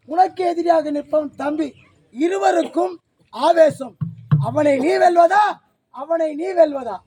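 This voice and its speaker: A stage actor with a Tamil Nadu accent playing a furious, preachy old hermit father in a village drama, shouting and declaiming. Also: very high voice.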